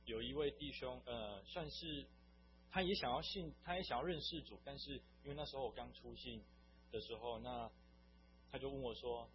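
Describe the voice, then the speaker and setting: A young man from Taiwan tells his personal faith testimony in an earnest, wandering way, at an ordinary middle pitch. The recording is dull and lo-fi, with a faint hum underneath. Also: moderate pace. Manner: earnest, meandering storytelling. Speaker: testimony speaker.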